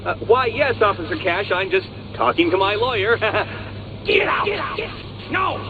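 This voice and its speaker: An actor playing an arrogant, petulant genius video game villain, pompous, wordy and theatrical in manner. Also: male voice, high-pitched, expressive, a little slow, background noise. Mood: flustered irritation. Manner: pompous, verbose, pedantic, theatrical. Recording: dull game capture under loud music.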